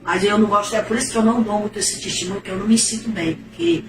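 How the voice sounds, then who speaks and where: A woman's voice: medium pitch, steady tone, racing, music in the background. A middle-aged woman, giving an emotional, repetitive religious testimony in a preacher-like manner. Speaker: testimony giver. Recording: echoey, distant, noisy.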